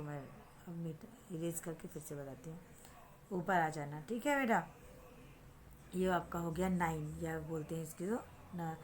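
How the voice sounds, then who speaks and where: A woman's voice: lowish voice, a bit bright, a little hiss or hum. A woman teacher with an Indian accent giving an online lesson to children, patient, repeating things and asking questions back to check understanding.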